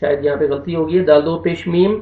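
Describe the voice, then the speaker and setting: Male Quran tutor, high voice, slow deliberate spelling of syllables, distant echoey lo-fi recording. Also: fairly even intonation. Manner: slow syllable-by-syllable spelling with drawn-out recited words. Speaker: Quran teacher. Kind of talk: spelling out Quranic recitation lesson. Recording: echoey, distant, dull lo-fi room sound.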